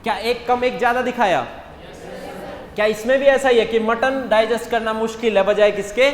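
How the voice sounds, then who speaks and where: A man's voice: extremely high pitch, normal speed. A male English teacher going over mock test answers in a classroom, constantly putting questions to the class and answering them himself. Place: classroom with students. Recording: echoey hall with faint background hum.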